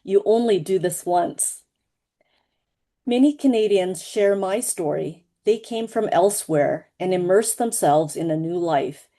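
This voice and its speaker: A woman from Laos, a co-author presenting at an online book launch, speaking in a measured, earnest way over a video call. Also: fairly low pitch, animated, mellow.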